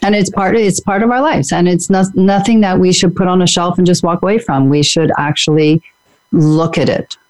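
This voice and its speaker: A woman's voice: fairly low pitch, steady tone, normal speed, darkish tone. A woman hosting a conversational radio talk show as a relationship coach.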